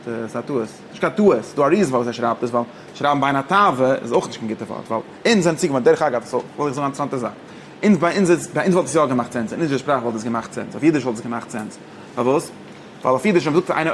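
A man teaching an informal text study lesson, halting and restarting often, mixing languages. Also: medium pitch, slight background noise. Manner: halting, mixes languages, many fillers and restarts. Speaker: teacher of religious texts.

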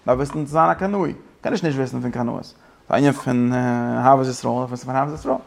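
A man teaching an informal religious class to students, halting, with many restarts and repeated words, and English phrases mixed in. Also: mid-range voice, gravelly.

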